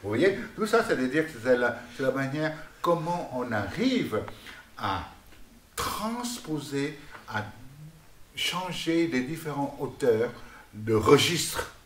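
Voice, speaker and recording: A man's voice: medium pitch, big pitch swings, slow pace, fairly bright tone. A man from Vietnam, a guest musician giving a rambling lecture on singing voices, often asking "n'est-ce pas?". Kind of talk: lecture with vocal demonstrations. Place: artist's workshop, indoors. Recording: roomy hall with faint noise.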